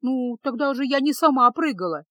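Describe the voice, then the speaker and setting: A woman voicing a frightened, flustered young apprentice witch who protests in a high, squeaky voice, in a storybook reading. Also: lively intonation, fairly quick, sharp tone.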